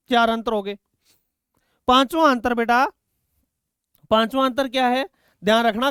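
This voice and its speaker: Man, Hindi grammar teacher, high pitch, smooth clear voice, repeats key terms, dry close sound. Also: a bit bright, no echo. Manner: repeats key words slowly, addresses students as "beta". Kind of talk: exam-prep grammar lesson.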